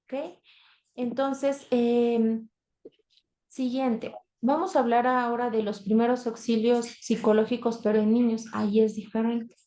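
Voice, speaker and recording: Woman instructor with a slightly high, mellow voice. Explains steadily over a call mic, checking in with her class. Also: little pitch movement, a little slow, poor audio. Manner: explanatory, tag questions, frequent fillers. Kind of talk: live online lecture.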